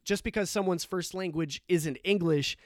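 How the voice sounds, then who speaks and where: A man's voice: high voice, moderate pace, no room sound, clean studio sound. A man co-hosting a podcast in casual chat, explaining things and thinking aloud with restarts. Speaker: podcast co-host.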